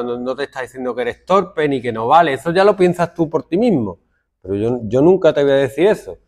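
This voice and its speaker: A male secondary school teacher with a Spanish accent from Spain, lecturing his class and mimicking his students' complaints. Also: medium pitch. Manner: lively, lecturing, acts out students' complaints in mocking voices.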